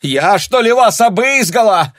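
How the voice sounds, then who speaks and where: A proud, shaken young woman speaks in a strained, ringing voice, voiced by a male narrator. Under the voice sits the reader's own low register. The sound is dry and close. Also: expressive, normal speed, a little mellow, no echo. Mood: indignant. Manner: strained, indignant.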